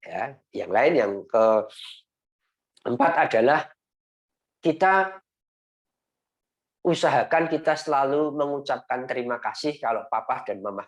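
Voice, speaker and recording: A man teaching young children in Sunday school over a video call, gentle and repetitive, often ending phrases with a coaxing "ya". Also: medium pitch.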